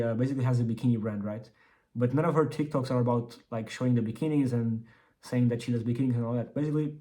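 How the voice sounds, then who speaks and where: A man vlogging as an entrepreneur shares a casual business update in a mellow, medium-pitched voice. His braces leave his articulation slightly impeded. He tends to ramble, going back over words and starting them again.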